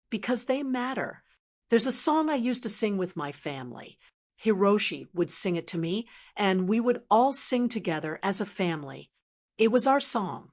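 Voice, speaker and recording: Woman playing a very old, grieving woman storyteller. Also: mid-range voice. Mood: tender, resolute. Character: grieving 99-year-old woman, bereaved Nagasaki bombing survivor. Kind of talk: solemn first-person scripted storytelling.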